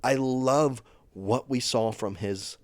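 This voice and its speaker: A man hosts a sports news channel and talks to his viewers in a loose, opinionated way. His voice sits at a middle pitch and rushes ahead in quick bursts. The recording is dry and close, with no room sound. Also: darkish tone, no room sound. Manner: chatty, opinionated, speeds up in bursts. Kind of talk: casual sports commentary vlog.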